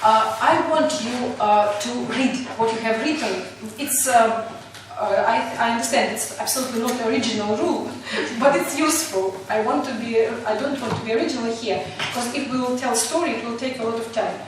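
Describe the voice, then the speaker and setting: A woman with a Russian accent leads a group exercise as teacher, explaining the rules haltingly and searching for words in English. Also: on the high side. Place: echoey room with a group. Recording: distant, very echoey, noisy room recording.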